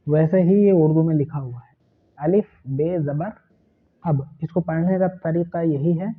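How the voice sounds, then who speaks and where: Slow, patient man teaching a lesson. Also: on the high side. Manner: slow, patient spelling out of letters and sounds. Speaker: Urdu teacher. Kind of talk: online language lesson. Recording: tinny phone-like sound.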